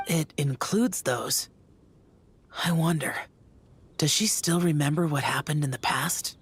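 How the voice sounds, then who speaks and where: A woman performs the part of a young, stoic immortal warrior in a video game, using a husky, low, exaggerated voice. Her delivery is solemn and measured, with formal phrasing and a reflective mood.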